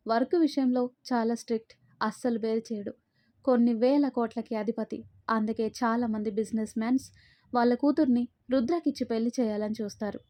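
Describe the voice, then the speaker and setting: A woman narrating a romance story, voicing the lovers' banter herself in a lively way. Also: fairly high pitch, no echo. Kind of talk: dramatic story reading. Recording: dull, muffled dry recording.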